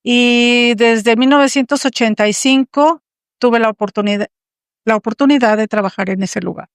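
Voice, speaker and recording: A woman in her sixties with a Mexican accent tells her personal faith story in an earnest, measured way. Her voice is smooth and fairly high. The sound is dry and close. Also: no room sound. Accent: Mexican Spanish. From Tampico, Mexico. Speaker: guest. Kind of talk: personal testimony.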